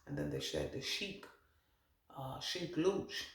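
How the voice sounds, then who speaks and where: A man working as a medium gives a meandering channeled card reading, thinking aloud and passing along what spirits tell him. His mid-range voice swoops wildly in pitch and goes slowly, in a room with roomy echo.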